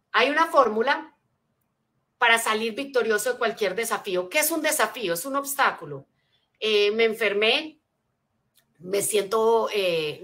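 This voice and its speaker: A woman giving a motivational seminar talk, teaching her points like a lesson and checking in with listeners with rhetorical questions. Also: medium pitch. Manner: energetic teacher, frequent rhetorical check-ins; spells out acronyms, asks listeners to take notes. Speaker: motivational speaker.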